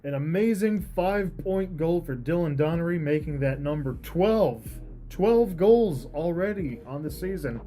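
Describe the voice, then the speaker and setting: Male sports color analyst, conversational, somewhat high-pitched, music behind. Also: lively intonation, unhurried, mellow. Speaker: color commentator. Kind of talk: live sports color commentary.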